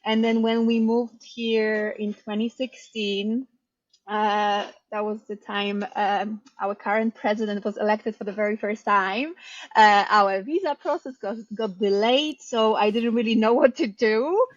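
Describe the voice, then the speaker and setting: A woman in her thirties who grew up in Poland tells her story in a relaxed interview, chatty and unhurried. Her voice sits at an ordinary pitch. The sound is dry and a little dull, as if recorded close in a dead room. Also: no echo. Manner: chatty, warm storytelling with frequent ums and light laughs. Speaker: bakery owner and head baker, guest. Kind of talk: casual interview answers.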